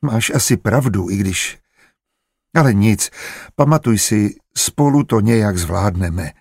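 Man doing a stern worried farm wife, storybook reading, husky voice, dry close sound. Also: on the low side, lively intonation, darkish tone, dry recording, full character voice. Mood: reassuring. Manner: stern, rising to frightened cries.

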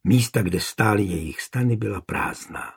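A man reading a historical war story aloud as narrator, with even, measured storytelling. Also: on the low side, husky. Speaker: audiobook narrator. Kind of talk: scripted narration.

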